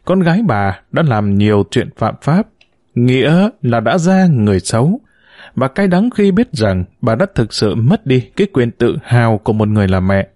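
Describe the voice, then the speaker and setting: A man narrating a novel in a steady, measured audiobook reading. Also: mid-range voice, no room sound, studio quality.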